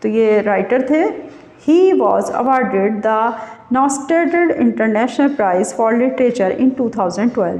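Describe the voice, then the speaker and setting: A woman's voice: mid-range voice, mellow. Teacher woman in an echoey room. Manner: explains by asking and answering her own questions. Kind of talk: exam-prep literature lesson. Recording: echoey room with long reverb.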